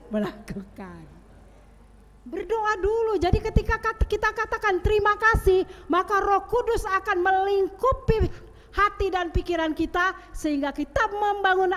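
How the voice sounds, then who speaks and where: A woman's voice: very high voice, fairly bright tone. A woman church elder preaching a sermon and leading prayer, emphatic and rising sharply on her key points. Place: church sanctuary. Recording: long church reverb.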